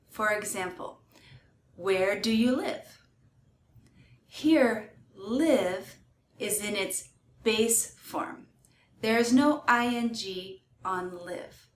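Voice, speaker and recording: A woman's voice: mid-range voice, echoey room, a little hiss or hum. A woman teaching English grammar, carefully saying each example sentence. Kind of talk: slow, clear grammar lesson.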